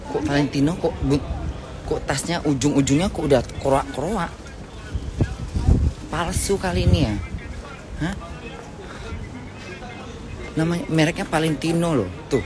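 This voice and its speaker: A middle-aged woman ranting loudly and crudely to her viewers while walking a city street. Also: sits low. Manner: brash, loud, foul-mouthed ranting to viewers. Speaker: live streamer. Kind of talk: casual live-stream chat while walking. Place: outdoors on a city street with traffic.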